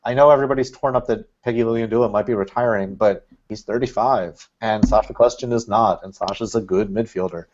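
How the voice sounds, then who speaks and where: A man's voice: on the low side, fairly quick, few pauses, noisy background. A man talking as a podcast guest in casual chat, rambling and thinking aloud with lots of fillers. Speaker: guest, Red Bulls fan. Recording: dull lo-fi sound.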